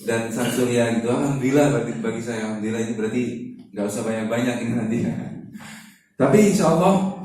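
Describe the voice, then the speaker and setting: A man with a voice hoarse from a cough, teaching an Islamic study session in an informal, interactive way as preacher and Quran recitation teacher. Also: medium pitch, warm tone. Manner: informal, interactive, often checking with listeners. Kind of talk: Islamic study lecture to a congregation. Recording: echoey hall, distant microphone.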